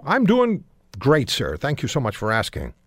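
A man's voice: medium pitch, wildly swooping pitch, normal speed, husky, no room sound. Firm male radio talk host. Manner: firm, interrupts and repeats points. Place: radio studio.

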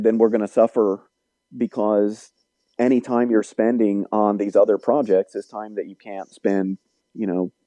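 Measured, deep-toned economics professor. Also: male voice, mellow, no room sound, poor audio. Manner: measured, lecturing. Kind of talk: explanatory interview answers.

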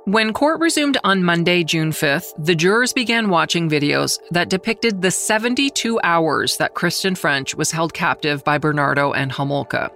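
A middle-aged journalist narrating a true-crime story in a measured, somber way, slowing down on the grave details. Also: mid-range voice, expressive, a bit bright, faint music behind. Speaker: journalist who covered the trial, narrating.

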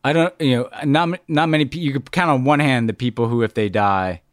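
A man's voice: mid-range voice, no room sound. Dry-sounding man hosting a casual podcast. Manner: halting, repeats words as he thinks aloud. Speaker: podcast host. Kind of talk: casual conversation and interviewing.

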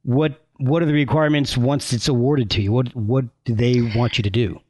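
A man's voice: mid-range voice, fairly even intonation, a little fast, darkish tone, no echo. A man hosting a casual interview, chatty and often repeating words as he starts a sentence. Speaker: podcast host.

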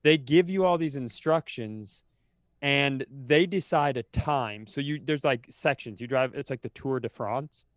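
With a medium-pitched voice and a slightly slow delivery, a podcast co-host spins casual stories, wandering and breaking into his own sentences. His humour is dry and self-deprecating, the talk comedic and relaxed, and there's no echo.

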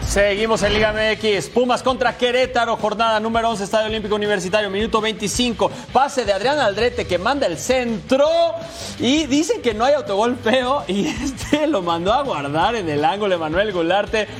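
High-voiced man co-hosting sports highlights. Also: normal speed. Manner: jokey wordplay in his narration. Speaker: sports show co-host. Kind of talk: narrating match highlights.

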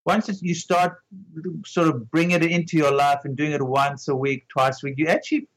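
A man's voice: fairly high pitch, steady tone, moderate pace, a bit bright, rough recording. A man, a clinician guest on a podcast, talking enthusiastically about his patients with a rambling style and frequent restarts. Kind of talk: casual conversational interview.

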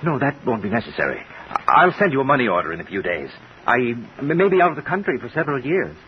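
A man's voice: mid-range voice, very animated, fast, lightly acted. An actor playing a nervous, polite man with a secret, hesitant and flustered, in an old radio drama. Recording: muffled old radio recording, faint hiss.

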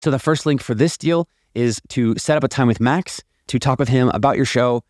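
Male podcast host, mid-pitched, promotional and emphatic, closely dry recording made in an attic. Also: brisk, no room sound. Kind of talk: scripted podcast monologue promoting deals. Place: attic of a house.

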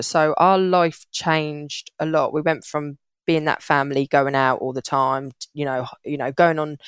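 Woman, young adult, low voice, dry close sound, earnest chatty interview guest. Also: smooth, dry recording. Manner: earnest, chatty, restarts sentences often. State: getting emotional. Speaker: podcast guest, parenting hack creator. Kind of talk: casual interview chat.

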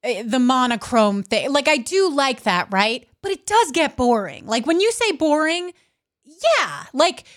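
A woman's voice: high voice, sing-song, unhurried, a bit bright. A woman co-hosting a podcast in casual chat, talking candidly and swearing freely. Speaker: podcast co-host.

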